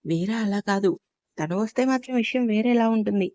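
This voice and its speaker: A woman's voice: medium pitch, brisk, warm tone, no echo, lightly acted. A woman voicing a swaggering male thug who threatens and mocks in a storybook reading. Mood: menacing. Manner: mocking, threatening. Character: cocky menacing male thug, swaggering henchman.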